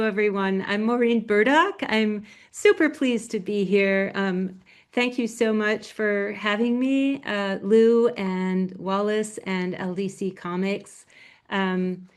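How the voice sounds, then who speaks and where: A graphic novelist presenting as a guest speaker has a soft-spoken, unhurried delivery. Her quiet voice is smooth and clear at a middle pitch for a woman, with the slight thinness of a video call.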